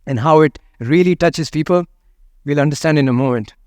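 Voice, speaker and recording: A man speaking as a meditation teacher, guiding listeners in a gentle, unhurried manner. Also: on the high side, dry recording, studio quality. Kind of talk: guided meditation and talk on loving kindness.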